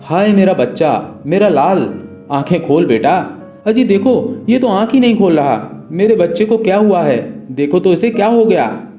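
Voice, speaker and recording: A man voicing a devout young mother who pleads in a high, wailing voice, recorded in an echoey room with faint guitar music. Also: huge pitch swings, normal speed, mellow.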